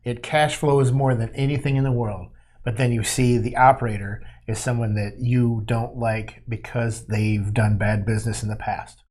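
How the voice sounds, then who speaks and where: Relaxed man podcast co-host. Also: medium pitch, moderate pace. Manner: relaxed, loose, with many uh fillers. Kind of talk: casual podcast chat.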